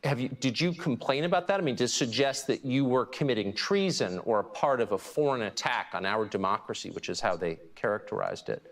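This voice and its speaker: Brief: man, TV interviewer, probing and measured, mid-pitched. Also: lively intonation. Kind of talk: televised interview.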